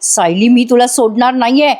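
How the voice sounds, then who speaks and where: A woman's voice: fairly high pitch, normal speed, a little mellow, close to an everyday voice. Woman voicing a vengeful, furious female prisoner. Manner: threatening.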